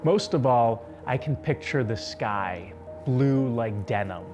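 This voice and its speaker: A man in his twenties, a TV reporter, narrating a personal story in a soft, reflective voice. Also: mid-range voice, lively intonation, slow. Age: 20s. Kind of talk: scripted narration. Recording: narration over music.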